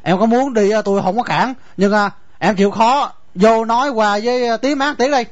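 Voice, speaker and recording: A man's voice: high voice, dry recording, close to an everyday voice. Man doing a stammering young village husband. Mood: pleading. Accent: Southern Vietnamese. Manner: stammering, halting. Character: young village husband, stubborn but pleading. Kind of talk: radio drama acting. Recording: dull dry lo-fi recording, faint music.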